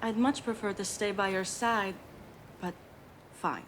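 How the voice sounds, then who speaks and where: A woman's voice: mid-range voice, fairly even intonation, unhurried, a little hiss or hum, lightly acted. A woman playing a curt, distrustful female assistant in a mystery video game, dry and disdainful. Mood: grudging, scornful.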